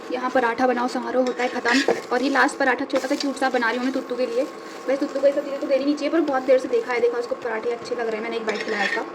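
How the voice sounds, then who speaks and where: Chatty young woman vlogging at home. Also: noisy background. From India. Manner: chatty, self-mocking, talks to her cat in a high coaxing voice. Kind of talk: casual home vlog chat. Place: home kitchen.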